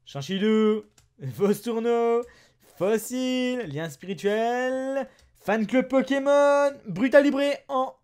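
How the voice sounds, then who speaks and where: Chatting casually to his audience, a French-accented man opens cards in a lively, melodic voice that rises and falls. His voice is high, and strong pulls set off excited outbursts.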